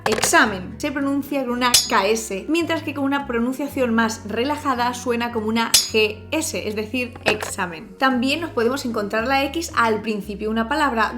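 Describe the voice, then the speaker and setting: A woman from Spain with a Peninsular Spanish accent, explaining language in a cheerful, expressive, chatty vlog style. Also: on the high side. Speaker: language YouTuber. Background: background music.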